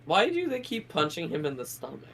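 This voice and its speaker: A man's voice: a little high, huge pitch swings, brisk, a bit bright. A man with a stuffy nose from a cold, chatting casually on a game stream. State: congested with a head cold, blocked nose. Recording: clear background noise.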